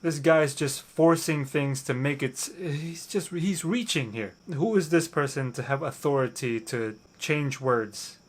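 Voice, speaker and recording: A man's voice: on the high side, unhurried, hardly any pauses. A man, an ex-pastor, reacting to a video and skeptically rebutting its claims, often repeating himself as he restarts. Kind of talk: reaction commentary.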